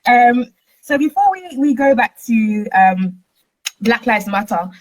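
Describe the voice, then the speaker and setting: A woman with a high voice hosts a relaxed online interview. She keeps it upbeat, laughs often and coaxes her audience to chime in. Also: takes it slowly, poor audio. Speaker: host.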